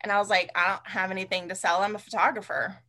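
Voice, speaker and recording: Bright, animated woman telling stories. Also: medium pitch, fast talker. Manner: animated storyteller, swears freely, laughs often. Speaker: podcast guest, entrepreneur. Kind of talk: casual interview chat.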